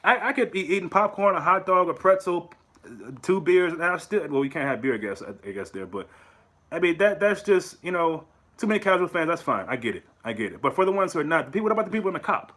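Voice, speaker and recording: Fast and high-pitched, the American host of a fan channel addresses his audience in relaxed, animated solo commentary. Words get repeated often, and his voice rises into rhetorical questions.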